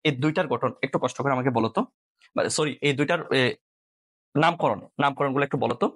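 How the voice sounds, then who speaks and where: A man from Bangladesh teaching a live online science class, repeating points and checking if students follow. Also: mid-range voice. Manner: quick, repeats points, asks "clear?"; mixes in English words.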